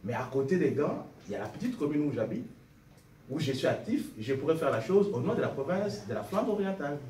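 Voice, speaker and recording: This man's voice sits fairly high, with big swings in pitch, a brisk delivery and a dark tone, as he argues earnestly and off the cuff from the floor as a party member. A distant microphone captures the noisy, roomy hall of the indoor meeting room.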